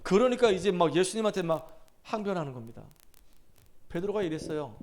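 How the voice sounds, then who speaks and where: A male pastor delivers an emphatic sermon with a notably high-pitched voice. He retells scripture like a story, acting out the quoted lines with swings between loud and hushed. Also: big pitch swings, a little fast, slight background noise. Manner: emphatic preaching, acting out scripture quotes with rising and falling intensity.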